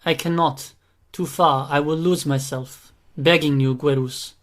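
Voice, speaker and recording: A man's voice: fairly high pitch, steady tone, unhurried, natural voice. Man doing a stiff, thickly accented young woman. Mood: anxious. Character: anxious young woman monster, rigid.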